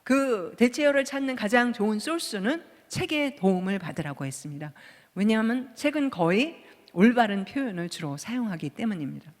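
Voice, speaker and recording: A woman's voice: fairly high pitch, expressive, moderate pace. A Korean woman pastor in her fifties giving a conversational sermon, asking the congregation rhetorical questions. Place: church sanctuary. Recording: long church hall reverb.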